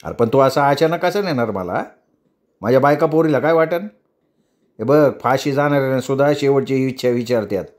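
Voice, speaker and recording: A man's voice: mid-range voice, fairly quick, a little mellow, close to an everyday voice. A male storyteller voicing an anxious working-class driver who pleads and argues his case.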